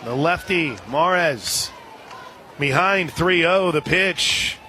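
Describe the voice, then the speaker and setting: Here a male softball announcer delivers live radio play-by-play in a slightly high voice at a very slow pace. The outdoor ballpark broadcast is noisy, carrying the crowd and general ambient sound behind him.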